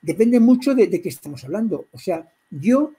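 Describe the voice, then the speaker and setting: A middle-aged man from Catalonia with a Catalan accent, giving an informal talk on poetry to a writers' group, stopping often to clear his throat and restart his sentences. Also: sits high, big pitch swings, moderate pace, warm tone, low-quality recording. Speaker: workshop speaker on poetry.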